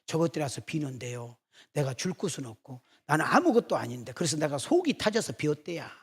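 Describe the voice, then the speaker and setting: A hollow wooden statue speaks in a quiet, mournful murmur, weary and resigned. A male preacher puts it on during a sermon, his voice lower and softer than his usual speaking. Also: sing-song, a little fast, husky, in a large hall, full character voice. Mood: lamenting. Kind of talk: sermon illustration.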